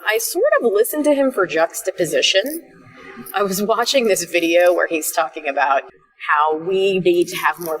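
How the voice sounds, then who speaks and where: A woman's voice: deep voice, far from the mic, poor audio. A woman in her thirties hosting her own podcast as a life coach, talking casually and animatedly, swearing freely and laughing often. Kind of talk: casual solo podcast monologue.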